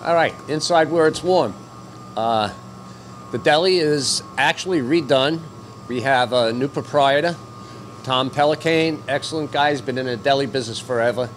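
A man's voice: mid-range voice, moderate pace, a little hiss or hum. An older man hosting a fishing report on location, chatting casually with many fillers into a handheld mic. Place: outdoors at docks, then inside a deli.

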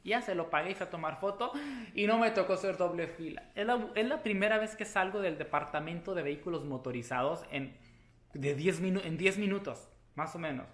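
A man vlogger telling a story to the camera in a casual, chatty way, animated and playful, with sudden loud exclamations. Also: high voice, brisk, roomy sound. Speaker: beauty vlogger.

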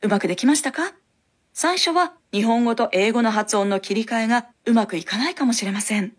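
Breathy, higher-voiced woman teaching a lesson. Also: a little fast. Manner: clear, instructive. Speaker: language lesson host. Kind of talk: scripted lesson narration.

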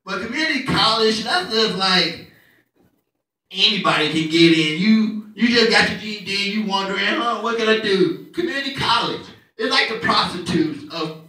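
Young stand-up comic man, high bright voice. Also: heavy reverb, far from the mic, low-quality recording. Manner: animated, acts out characters with pitch jumps. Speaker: stand-up comedian. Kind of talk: stand-up comedy set. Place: comedy club stage. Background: audience laughter.

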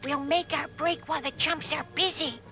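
A woman's voice: high voice, steady tone, normal speed, sharp tone, faint music behind. A woman voicing a female chimp spy partner who gives clipped, urgent commands. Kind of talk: dubbed TV comedy.

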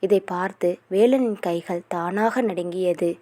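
A woman narrating a serial romance novel in a steady storytelling manner. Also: lowish voice, a little slow, no echo.

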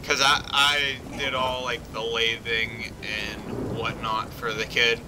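A man's voice: mid-range voice, level tone, slow pace, background noise. A young man playing a co-op game, telling rambling stories in a laid-back, self-amused way. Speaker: co-op gameplay commentator. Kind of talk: casual gaming banter.

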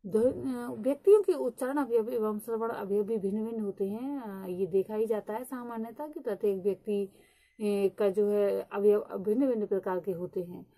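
A woman teaching a lesson at a slow, deliberate pace, with frequent hesitant fillers. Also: mid-range voice, warm tone. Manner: reads English definitions very slowly. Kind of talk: lecture.

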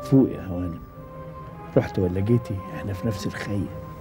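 A lowish male voice, quick and cutting: a scheming man in a TV drama, as an actor plays him, laying out his threats with music running under him. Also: close to an everyday voice. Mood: menacing. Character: cold scheming man confronting a woman. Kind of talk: TV drama acting.

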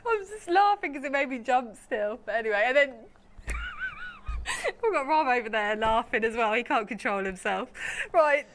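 A woman's voice: high-pitched, huge pitch swings, moderate pace, fairly bright tone, a little hiss or hum. A British woman, around her thirties, presenting as a home shopping host in chatty, informal, rambling and giggly live sales banter. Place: TV studio.

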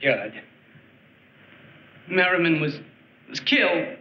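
A man's voice: on the high side, animated, slow pace, reverberant, muffled recording. An actor playing a hot-headed, belligerent man who insults and threatens the people around him, on an old film soundtrack. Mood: furious. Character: hot-headed tough male test subject, belligerent.

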